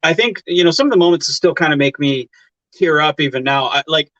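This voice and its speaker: A man's voice: fairly high pitch, animated, brisk, a bit bright, dry recording. A man hosting a casual interview, rambling and repeating himself with lots of you-knows. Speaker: interview host. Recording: dry, dull lo-fi mic.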